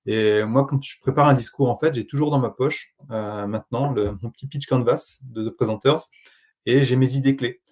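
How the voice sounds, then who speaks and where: A man's voice: mid-range voice, moderate pace, a little mellow. A man co-hosting a webinar, sharing his experience modestly in casual, hesitant speech. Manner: modest, conversational, hesitant fillers. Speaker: webinar co-host.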